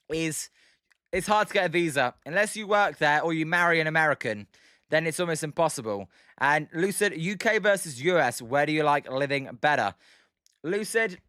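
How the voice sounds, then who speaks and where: A young British man in his twenties hosting a livestream, calling pitches and casually answering viewers' chat. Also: pushed and bright, smooth, dry recording, studio quality. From United Kingdom. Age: 20s. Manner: chatty, reads out viewers' names and answers them between pitch calls. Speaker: livestream host. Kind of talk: casual play-by-play with chat replies.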